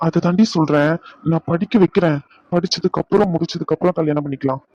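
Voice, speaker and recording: A man's voice: fairly high pitch, fast talker, a little mellow, no room sound, lightly acted. A man voicing a young male doctor who teases and scolds his bride-to-be in a dubbed serial drama. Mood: scolding. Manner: teasing, scolding banter. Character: young male doctor, teasing and bossy lover. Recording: dull dry recording.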